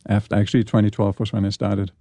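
A man speaks English in a low, mellow voice. He chats easily as an interview guest and often repeats words as he goes. The sound is close and dry. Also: level tone, fast talker, no echo. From Denmark. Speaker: guest, orchestral percussionist. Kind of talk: casual radio interview chat.

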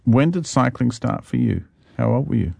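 A man's voice: medium pitch, animated, normal speed, creaky, dark tone, dry recording. A man hosting an interview and asking curious follow-up questions. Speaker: interviewer, host. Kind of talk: casual radio interview.

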